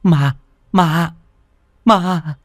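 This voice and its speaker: A man voicing a frightened young man who shouts in panic. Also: a little high, very slow, dry recording, voice pushed up. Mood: panicked.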